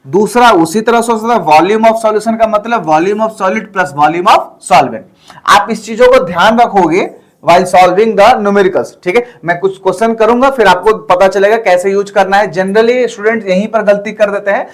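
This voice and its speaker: In a classroom lecture, a high-pitched man teaches chemistry at a normal speed. He mixes in English terms, explains step by step and checks in with students frequently.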